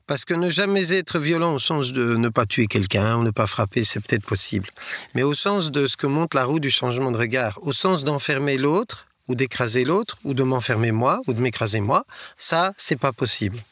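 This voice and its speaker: A middle-aged man, explaining things earnestly and in a measured way as an interview guest. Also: medium pitch, lively intonation, fairly bright tone, dry recording. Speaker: guest, nonviolence trainer. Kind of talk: reflective interview answers.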